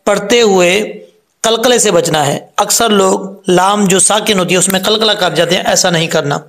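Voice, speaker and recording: A man teaching Quran recitation, explaining each sound patiently step by step and chanting the verses slowly. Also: high voice, a bit bright. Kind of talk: tajweed lesson with recitation.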